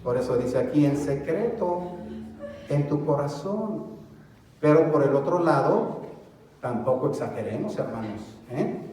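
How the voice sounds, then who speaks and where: A man preaches to his congregation, his voice sitting high for a man. He is lively and theatrical, acting out little household scenes and calling for responses. The sound is very roomy and distant, with faint ambience behind him. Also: unhurried, long pauses, a little hiss or hum. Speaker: pastor. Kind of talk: sermon. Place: church sanctuary. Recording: echoey church hall, voice from afar.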